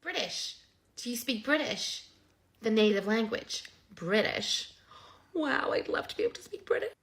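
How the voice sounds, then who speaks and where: A woman's voice: a little high, animated, moderate pace, vocal fry, fairly bright tone, pitched below the performer's own voice. A woman voicing a gushing, clueless young American woman with a put-on American accent.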